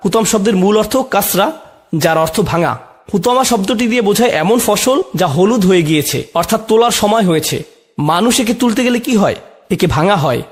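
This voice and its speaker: A man with a Bangladeshi Bengali accent dubbing a religious lecture, explaining word meanings and putting rhetorical questions to his listeners. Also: high-pitched.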